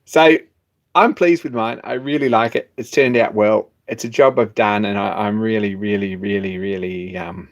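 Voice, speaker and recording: A man's voice: fairly low pitch, fairly even intonation, moderate pace. Aussie bloke rambling on his workshop live stream, chuckles, trails off and restarts. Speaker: host of a hobby machine shop live stream. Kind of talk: casual live stream chat.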